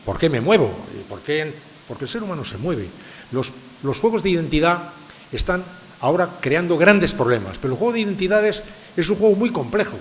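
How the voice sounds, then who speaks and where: An older man from San Sebastián, Spain, lectures a live audience, posing rhetorical questions and stressing his points. His voice sits fairly high, he is very animated, and he talks a little fast. The hall is reverberant, with a faint hiss.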